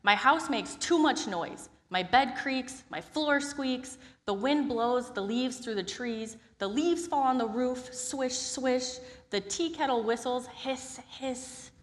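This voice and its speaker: Woman doing a grumpy old guy who hates noise, squeaky and whiny, big echoey room. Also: slow, few pauses. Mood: fretful. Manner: exclaiming, whiny complaints. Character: fretful old man fed up with noise.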